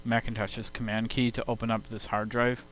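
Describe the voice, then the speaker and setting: A man's voice: lowish voice, level tone, brisk, fairly bright tone. A man giving an informal, step-by-step spoken demo in an explanatory way. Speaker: software demonstrator. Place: recorded on a computer sound card. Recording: hissy home computer sound-card input.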